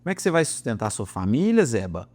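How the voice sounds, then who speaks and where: A man with a Brazilian Portuguese accent giving an informal psychology lecture, colloquial and emphatic, with slangy asides and big swings in pitch and loudness. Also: very animated, very fast. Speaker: psychology course instructor.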